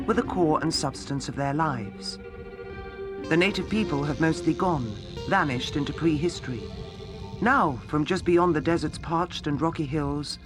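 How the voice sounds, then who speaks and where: A man narrates a nature documentary with a measured, storytelling delivery. His voice sits a little high, and music plays clearly behind him. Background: background music.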